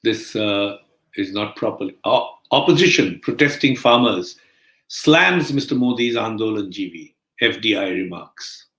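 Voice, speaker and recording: A man hosts a spoken news bulletin, dwelling on each phrase with deliberate, emphatic pauses. His voice sits a little low and moves very slowly. The room gives it a clear echo. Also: animated, fairly bright tone. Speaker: bulletin host.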